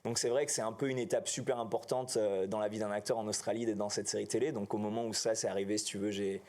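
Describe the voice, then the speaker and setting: A man, talking casually as an actor guest, relaxed and full of fillers. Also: fairly low pitch, fast. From New Caledonia. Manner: relaxed, chatty, many fillers like "si tu veux" and "quoi". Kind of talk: casual interview chat.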